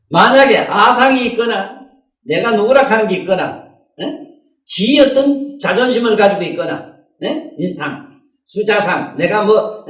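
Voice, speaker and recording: A man with a Gyeongsang accent giving a Buddhist sermon in a folksy, rhetorical way, often prodding listeners with "eh?" questions. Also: high-pitched. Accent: Gyeongsang Korean. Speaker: Buddhist dharma teacher. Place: dharma hall. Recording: echoey room, distant mic.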